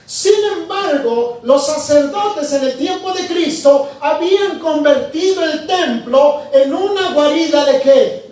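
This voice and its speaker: High-voiced preacher in an echoey church. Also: male voice. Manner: animated storytelling, acts out dialogue. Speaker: pastor. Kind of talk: sermon. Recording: echoey church, distant mic.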